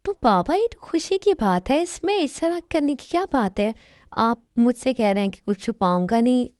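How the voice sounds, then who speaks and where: A woman voicing a gentle young adult daughter in an amateur dub, speaking softly and earnestly. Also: on the high side, expressive, normal speed, no echo, clean studio sound, close to an everyday voice.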